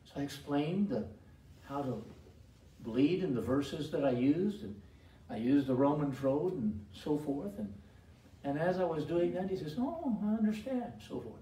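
A man's voice: a little high, animated, unhurried, warm tone. An older man preaching a sermon as pastor, with emphatic delivery and repeated calls to the congregation. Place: church sanctuary. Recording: roomy echo from a distant mic.

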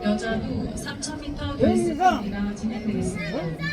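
A woman announcing over a stadium public address system, reading out results in a measured, formal way. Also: on the high side, sing-song, heavy background noise. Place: outdoor athletics stadium. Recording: distant echoing loudspeaker with loud crowd.

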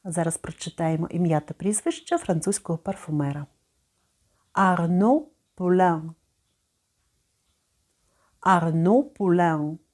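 A middle-aged woman giving a spoken lesson. She pronounces words slowly and carefully, and she repeats each one so listeners can copy her. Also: on the low side, warm tone. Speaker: French pronunciation teacher.

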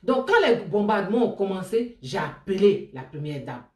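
A woman with an Ivorian French accent tells personal memories aloud, her voice swinging high and loud when she gets excited and dropping low and soft for quoted words. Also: moderate pace. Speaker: storyteller sharing memories. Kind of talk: animated personal storytelling. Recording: echoey room, voice from a distance.

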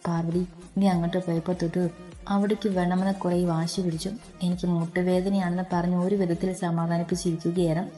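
A woman voicing a fond old grandmother who speaks softly in a storybook reading. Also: little pitch movement, fast, soft background music, close to an everyday voice. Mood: fond, gentle. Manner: soft, low-voiced.

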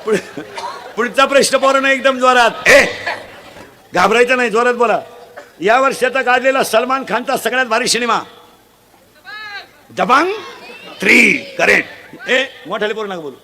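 A man preaching a comic devotional sermon, loud and joking, quizzing the audience with blunt, earthy village humour. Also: very high-pitched, fairly quick, some chatter behind. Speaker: kirtan preacher.

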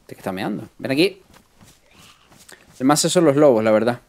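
Young guy streaming a game, chatty, talks to chat the whole time, mid pitch. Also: expressive, normal speed, vocal fry, darkish tone. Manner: chatty, greets and thanks viewers. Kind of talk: live gameplay commentary.

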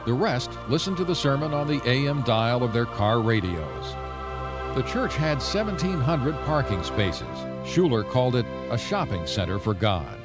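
A male documentary narrator reads in a measured, storytelling way, his pitch rising and falling with lively movement. Music plays clearly underneath the studio voice-over.

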